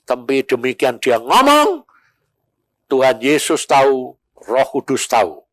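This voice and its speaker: Older preacher man telling lively stories. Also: medium pitch, a little slow, dry recording. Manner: animated storytelling, acting out quoted voices. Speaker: evangelist preacher. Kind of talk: sermon with storytelling.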